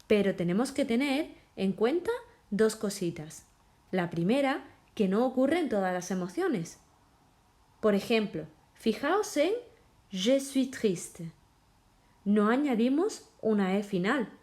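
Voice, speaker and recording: Slow, lively teacher woman. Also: mid-range voice. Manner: switches between French and Spanish, models pronunciation slowly. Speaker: French teacher. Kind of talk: slow, clear classroom lesson.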